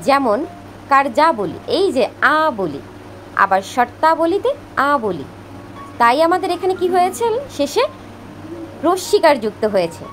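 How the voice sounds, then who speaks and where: Woman teacher, high voice, methodical explainer who lists examples, faint hiss behind. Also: very animated, unhurried, pauses often, low-quality recording. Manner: explains rules step by step, lists examples, checks understanding. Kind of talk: spoken grammar lesson.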